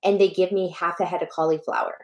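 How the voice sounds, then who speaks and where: A middle-aged woman speaks with a fairly low, even voice and strong emphasis, pressing her points. She is a guest on a podcast, talking through a headset from a room at home. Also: fast talker, highs cut off. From born in Malawi, raised in Canada. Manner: emphatic, passionate, gestures while talking. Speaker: guest, health educator. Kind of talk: podcast interview. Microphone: headset over a video call.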